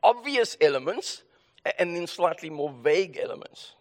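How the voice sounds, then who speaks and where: In a large hall, a South African pastor delivers a sermon and reads from scripture, his voice sitting high and animated at a normal pace. He sounds raspy and hoarse from illness, earnest, and keeps restarting his phrases.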